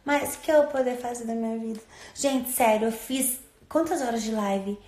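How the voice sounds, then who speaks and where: High, chatty woman in a roomy echo. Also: normal speed, dark tone. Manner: chatty, rambling, playful. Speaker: social media influencer. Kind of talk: casual phone stories chat.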